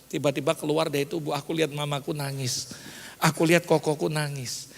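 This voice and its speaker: High-voiced pastor preaching in a hall. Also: male voice, little pitch movement, brisk, vocal fry. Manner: mixes English phrases, builds to loud emphatic lines. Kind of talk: sermon.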